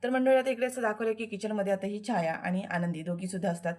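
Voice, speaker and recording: A woman narrates a television serial recap as a voice-over, chatty and direct with her listeners. Her voice sits at an average pitch for a woman. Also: steady tone, fast talker, darkish tone.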